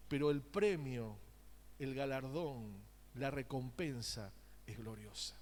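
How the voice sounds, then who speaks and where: A man's voice: medium pitch, takes it slowly, darkish tone, big-room sound. A man preaching a sermon, asking the congregation questions and making joking asides. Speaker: pastor. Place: church sanctuary.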